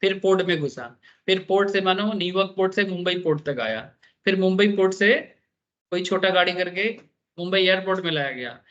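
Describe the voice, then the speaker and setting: A man lectures a class on business law in a high voice, telling anecdotes and checking that the students follow. He talks in a chatty, storytelling way and mixes in English terms. The recording is dull and lo-fi. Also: a bit bright. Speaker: teacher.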